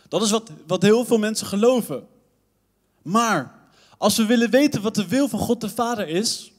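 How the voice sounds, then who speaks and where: Dutch youth pastor guy preaching, high voice, playful asides, long church hall echo. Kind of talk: sermon.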